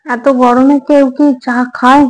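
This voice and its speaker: A woman acting a nervous young wife in a comic home drama who keeps soothing her hot-tempered husband. Her voice sits high, coaxing and apologetic. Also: flat delivery, a little slow, slight background noise, low-quality recording. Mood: placating. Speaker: short-drama actress.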